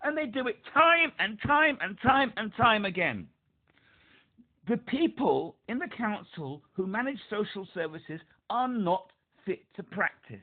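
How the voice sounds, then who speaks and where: This helpline caller is a man with a speech impediment whose high, animated voice moves a little slowly. Heard through a tinny phone connection, he keeps repeating himself as he pushes his point hard.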